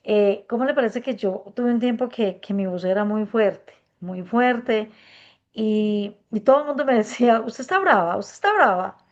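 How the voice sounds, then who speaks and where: Earnest woman, soft and hesitant. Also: fairly high pitch, a little slow. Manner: earnest, reflective, many hesitant fillers; speaks softly and gently on purpose. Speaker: workshop participant. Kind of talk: spontaneous testimony. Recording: muffled dull recording.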